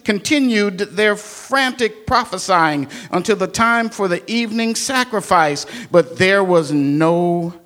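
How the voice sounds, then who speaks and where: A male preacher reads scripture aloud in a sermon. His voice sits fairly high, and he takes his time, stretching phrases for dramatic effect. He breaks off now and then for playful asides. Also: a bit bright. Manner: dramatic, changes pitch and pace for emphasis, playful asides.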